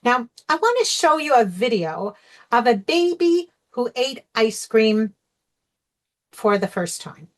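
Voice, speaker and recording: Speaking slowly in a fairly high, sing-song voice, this woman is a sugar-free recovery coach leading a workshop online. Her tone is conversational, dotted with "okay?" and "you know," captured on a video call mic.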